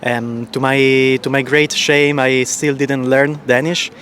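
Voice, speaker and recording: A man's voice: medium pitch, level tone, takes it slowly, a bit bright, a little hiss or hum. Man, thoughtful researcher. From Sicily, Italy. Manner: thoughtful, hesitant with restarts. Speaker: postdoctoral researcher. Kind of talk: casual street interview answers. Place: city street outdoors.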